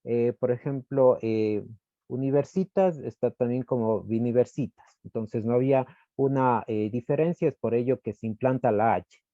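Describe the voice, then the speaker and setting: A man's voice: medium pitch, mellow, no echo. Hesitant man presenting slides, muffled audio. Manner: hesitant, pausing to search for words. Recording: dull lo-fi dry recording.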